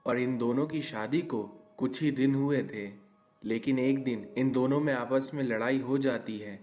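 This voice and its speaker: A man's voice: mid-range voice, unhurried, darkish tone. A man narrating a cartoon moral story in a plain storybook manner.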